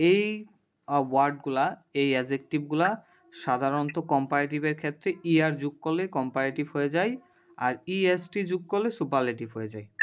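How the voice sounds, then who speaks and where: A male teacher leads a grammar class, slowly drilling word lists and often checking that the students follow. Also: a little high. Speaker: English teacher. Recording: muffled lo-fi classroom recording.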